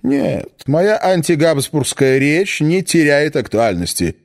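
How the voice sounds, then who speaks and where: A man reading a satirical story, voicing a smug, aging cardinal and first minister with a sardonic, drawn-out delivery. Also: fairly high pitch, big pitch swings, heavily acted. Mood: self-satisfied.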